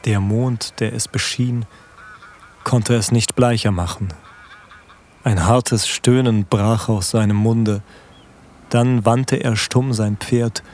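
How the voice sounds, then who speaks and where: A man reading a classic novella aloud in a measured, solemn way. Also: mid-range voice, a little mellow, slight background noise. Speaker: narrator. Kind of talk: literary reading.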